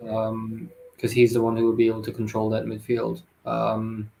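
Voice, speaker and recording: A man's voice: fairly low pitch, completely flat delivery, normal speed, gravelly, a little mellow, poor audio. A man co-hosting a football watchalong in casual chat, hesitant and full of fillers and restarts.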